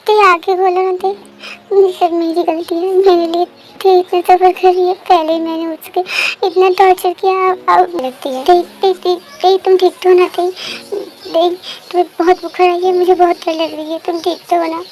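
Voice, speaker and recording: A woman's voice: very high voice, flat delivery, moderate pace, a little mellow, faint music behind. A woman voicing a frantic young man caring for his feverish partner, pleading and repeating her name.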